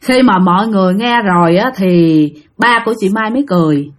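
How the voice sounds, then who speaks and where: A woman with a Southern Vietnamese accent telling a ghost story in a lively, dramatic way, speaking straight to her listeners. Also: medium pitch, brisk.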